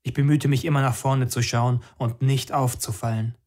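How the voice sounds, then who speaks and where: Man, first-person narration, measured and somber, unhurried. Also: mid-range voice, steady tone, darkish tone.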